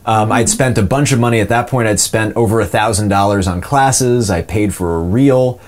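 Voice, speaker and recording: Speaking at a moderate pace in a lowish voice, this twenty-something voice actor brings a smooth announcer quality to his interview. His storytelling is relaxed and self-deprecating.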